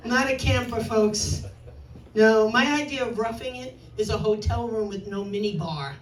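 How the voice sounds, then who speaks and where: This sixty-something comedian with a New York accent works a club stage with brash, self-deprecating material. Her voice is on the high side at normal speed, and the distant, roomy recording carries slight background noise.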